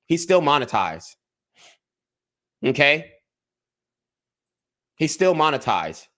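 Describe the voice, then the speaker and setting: A man's voice: a little high, sing-song, slow, sharp tone. Heated young man ranting on a stream. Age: young adult. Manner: repeats himself, stumbles and restarts, grows heated. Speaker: YouTube commentator. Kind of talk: livestream commentary rant.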